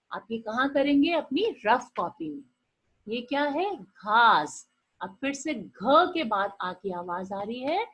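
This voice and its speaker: A woman teaching a Hindi lesson to young children, slow and encouraging, drawing out each sound and asking the class questions. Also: a little high, fairly bright tone, husky, poor audio. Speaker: primary school teacher.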